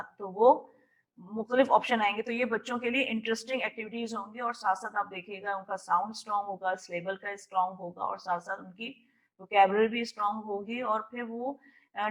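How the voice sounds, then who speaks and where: A woman's voice: medium pitch, low-quality recording. A woman with a Pakistani Urdu accent leading an online teacher training session, explaining patiently, mixing in English words and sounding words out phoneme by phoneme.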